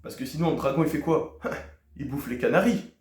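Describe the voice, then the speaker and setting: A man teaching a video lesson, putting quiz questions to his viewers, pausing on fillers and repeating key words. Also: fairly high pitch, a little mellow. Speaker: Spanish teacher. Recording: echoey room.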